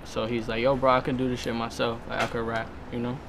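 A young man talking calmly and reflectively about his younger brother, in casual slang. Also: mid-range voice, quick pace, noisy background. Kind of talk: casual interview talk. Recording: music behind the voice.

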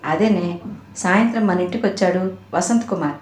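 A woman's voice: lowish voice, moderate pace, lightly acted. A woman voicing a grumbling, self-serving middle-aged father who snaps at his wife, recorded in an echoey room. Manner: grumbling, scolding.

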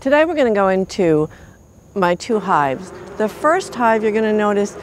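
A woman's voice: mid-range voice, very animated, normal speed. A woman hosting an outdoor garden show, introducing her hives and asking her guest questions. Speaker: host. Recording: distant mic, outdoor noise.

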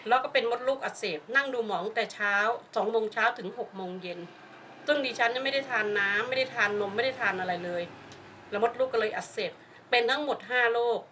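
Older woman, lively high-voiced storyteller. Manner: lively storyteller who acts out the voices of people in her story. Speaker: customer giving a testimonial. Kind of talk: animated spoken testimonial. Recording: distant mic with faint background noise.

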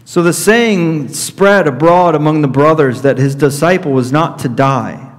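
The long reverb of a church sanctuary surrounds a pastor in his thirties as he preaches an expository sermon at the pulpit. His voice sits a touch high for a man. He teaches with slow deliberation and goes over each point again, recorded by a fixed camera at middle distance.

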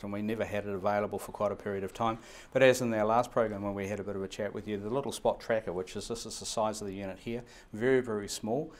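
A radio equipment supplier from New Zealand, in his fifties, has a fairly low pitch. During an interview recorded on a lapel mic in an indoor showroom, he gives fast, long, run-on answers crowded with fillers and restarts.

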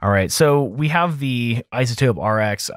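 An audio engineer in his thirties hosts a mixing series, talking through a casual tutorial in his small home studio. His medium-pitched voice is expressive and normal in speed, and the close large broadcast mic on an arm yields a dry recording.

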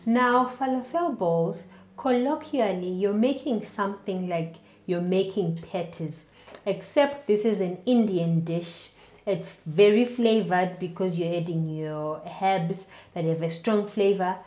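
A woman's voice: mid-range voice, echoey room. A woman in her thirties hosting a cooking show, giving step-by-step recipe instructions from her home kitchen. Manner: slow, steady instructional delivery. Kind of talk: cooking demonstration to camera.

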